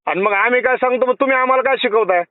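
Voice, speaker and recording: A young man from Maharashtra argues his side insistently over a phone call, his voice pitched very high and his words coming fast. The line sounds thin and tinny, with a dry, close feel and no room sound. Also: no echo. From Maharashtra, India. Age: young adult. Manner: insistent, argumentative, repeats himself. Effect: heard over a phone line. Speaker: kirtan preacher. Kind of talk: heated phone argument.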